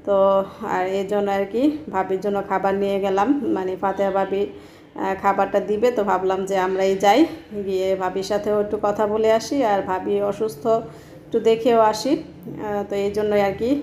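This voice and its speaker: A woman's voice: medium pitch, little pitch movement, normal speed, mellow, echoey room, slight background noise. A woman vlogging casually, chatting with a friend and narrating to her viewers. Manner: chatty, explains to viewers while cooking. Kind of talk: casual vlog narration and chat. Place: apartment home.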